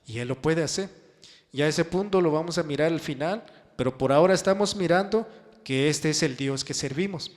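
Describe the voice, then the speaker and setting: A man preaching a sermon and reading scripture, drawing his phrases out with emphasis and sudden soft drops. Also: a little high, moderate pace. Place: church hall. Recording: long church-hall reverb.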